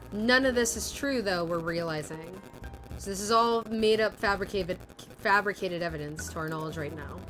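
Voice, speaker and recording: A woman voice actress live-streaming a game, thinking aloud in an animated way, swearing casually and reading lines aloud. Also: mid-range voice.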